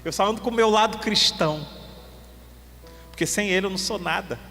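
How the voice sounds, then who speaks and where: A man's voice: high voice, a little fast, vocal fry, sharp tone. A male pastor preaching a sermon, emphatic and talking straight to the congregation. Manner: emphatic, addresses the congregation directly. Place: church hall. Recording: long church-hall reverb, faint music.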